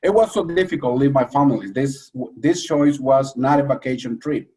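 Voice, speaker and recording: A man with a Honduran Spanish accent speaks earnestly about his path, restarting phrases now and then as he finds his words. He sounds somewhat far from the microphone, as on a video call. His pitch sits in an ordinary middle range. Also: fairly quick, dark tone. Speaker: adult educator, panel speaker. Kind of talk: prepared personal talk at a briefing.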